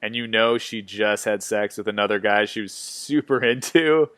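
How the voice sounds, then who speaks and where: A man's voice: lowish voice, normal speed, a bit bright, smooth, no room sound. Joking podcast guy with a dry close sound. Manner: joking, puts on mock voices to mimic people. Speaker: podcast co-host. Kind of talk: casual chat.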